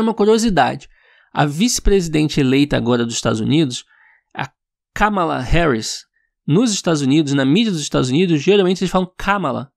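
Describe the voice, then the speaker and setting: A man's voice: fairly high pitch, creaky. A Brazilian man with a Brazilian accent teaching about language, thinking aloud and often asking "né?" as he explains. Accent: Brazilian Portuguese. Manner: thinking aloud, frequent "né?" and restarts. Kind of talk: casual explainer video.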